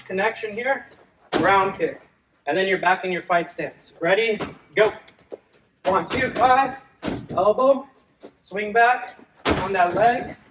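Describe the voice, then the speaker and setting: A man coaching a kickboxing workout, calling out strike combinations in short clipped commands as he exerts himself hitting a punching bag. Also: high-pitched. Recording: distant mic, clearly noisy room. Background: noise, strikes on a heavy bag.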